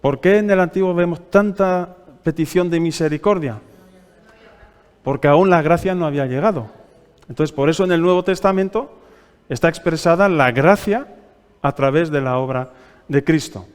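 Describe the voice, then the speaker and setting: Spanish preacher in a reverberant church hall. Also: male voice, on the high side, moderate pace, pauses often, clean tone. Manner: teaching by asking the congregation questions; reads scripture aloud, raising his voice for quoted pleas. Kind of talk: sermon.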